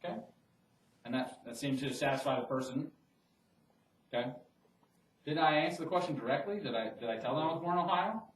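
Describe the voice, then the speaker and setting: A man lectures a math class in a loose, conversational style, full of restarts and fillers. His voice is on the high side and brisk, broken by long pauses. Slight background noise and roomy audio from a distant mic mark the classroom recording.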